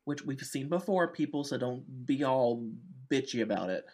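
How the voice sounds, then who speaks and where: A man's voice: medium pitch, expressive, normal speed, a little mellow. A man co-hosting a podcast, casually recapping with wry asides and many fillers. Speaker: podcast co-host. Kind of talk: casual chat.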